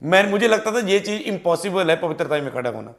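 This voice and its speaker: A man's voice: high voice, expressive, fast, vocal fry, fairly bright tone. A man, a pastor, preaching a sermon and voicing the anxious prayers of troubled believers. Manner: voices the prayers of troubled believers, rising and urgent.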